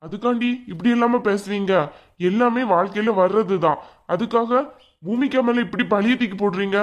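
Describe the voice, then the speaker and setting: A man's voice: high-pitched, normal speed, muffled recording, lightly acted. Cartoon drama: a man as a young husband who defends his wife, pleading and upset. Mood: indignant. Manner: pleading and indignant. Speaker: cartoon voice actor. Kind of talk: Tamil cartoon drama dialogue.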